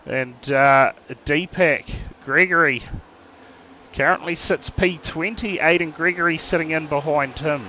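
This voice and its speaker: A man's voice: a little high, unhurried, low-quality recording. A man with a broad New Zealand accent giving casual, matey, slangy live motor racing commentary. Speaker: race commentator. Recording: loud engine noise throughout. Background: race car engines.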